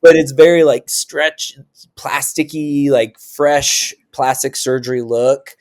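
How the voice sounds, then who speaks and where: A man's voice: medium pitch, steady tone, takes it slowly, a little mellow. A man from Oklahoma guest-hosting a casual podcast, telling rambling stories with many restarts. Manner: rambling storyteller, lots of restarts and laughs. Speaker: guest co-host.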